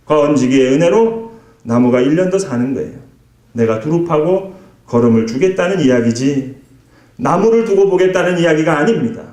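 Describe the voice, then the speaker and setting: Man, pastor, sermon, rhetorical questions, mellow voice, echoey church hall. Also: a little high. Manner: earnest preaching with rhetorical questions and acted-out quotes. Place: church sanctuary.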